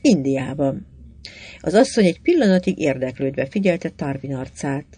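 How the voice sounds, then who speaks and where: A woman narrating a novel in an even, measured storytelling manner. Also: sits low, husky. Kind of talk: audiobook reading of a novel.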